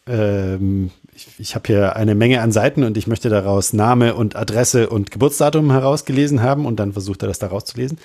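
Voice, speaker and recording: A man on a tech podcast explaining something in a halting way, with many fillers. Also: lowish voice, darkish tone. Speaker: podcast co-host. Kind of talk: casual tech podcast chat.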